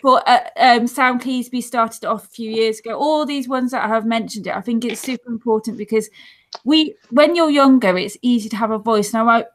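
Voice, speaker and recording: A woman with a slightly high voice speaks briskly on a casual video-call chat, appearing as a guest on a support show. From a dim home room and wearing an earphone headset, she tells stories earnestly, rambling and starting over.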